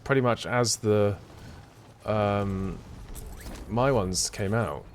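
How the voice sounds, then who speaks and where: Brief: weary male streamer, low-voiced, rambling and self-deprecating as he answers chat. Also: slow pace, a little hiss or hum. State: tired. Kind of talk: casual chat reading out viewer questions while gaming.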